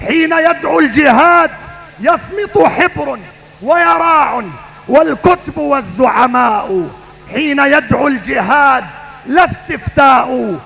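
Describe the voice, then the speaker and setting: A man preaching a fiery sermon in a booming, epic, emphatic oratorical style, declaiming lines like heroic poetry. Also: creaky, sharp tone. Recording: long hall reverb.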